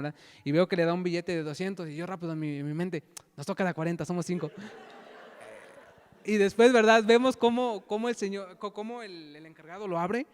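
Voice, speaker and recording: A young man giving a personal testimony in a sermon, halting and repeating words, often asking "¿verdad?". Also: fairly high pitch, smooth. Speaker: lay preacher giving testimony. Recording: long hall reverb.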